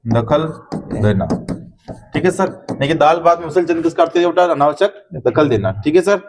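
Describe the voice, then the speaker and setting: A man's voice: on the high side, fast talker. A middle-aged man teaching a Hindi spelling lesson in a classroom, coaxing his students with repeated tag questions.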